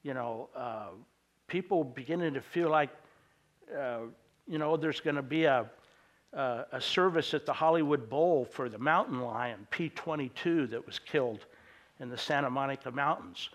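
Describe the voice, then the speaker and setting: A middle-aged man preaching a sermon as a pastor, conversational and halting, with many fillers and restarts. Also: medium pitch. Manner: acts out quoted voices in anecdotes.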